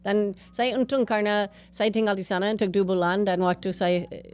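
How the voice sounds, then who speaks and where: A woman's voice: mid-range voice, normal speed, a little mellow, clean tone. A woman from the United States with an American accent tells personal stories casually in Indonesian as a foreigner, a native English speaker slipping into English phrases. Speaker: interview guest, gallery owner and painter.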